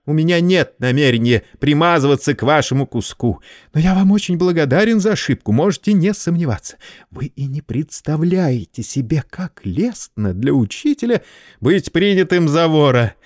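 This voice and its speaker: A man voicing a cunning, high-strung male schoolteacher who exclaims loudly in a raised voice. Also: lively intonation, normal speed, no room sound, clean studio sound, close to an everyday voice. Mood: indignant.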